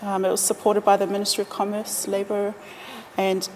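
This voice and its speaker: A woman's voice: medium pitch, monotone, a little mellow. Formal woman in a reverberant hall. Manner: formal, halting with frequent ums. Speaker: operations manager being interviewed. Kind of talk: interview answers, partly prepared. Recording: noisy, reverberant hall with ambient sound.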